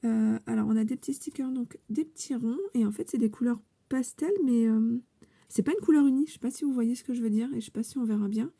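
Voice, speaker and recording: A woman with a fairly high but very dark voice, gravelly and husky, talks her way through a scrapbooking unboxing. She is chatty and hesitant, full of fillers, and sometimes sinks into a whisper. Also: fast talker. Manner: chatty, hesitant, with many fillers and soft asides; drops to a whisper now and then. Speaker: scrapbooking vlogger opening a contest entry. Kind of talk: casual unboxing chat.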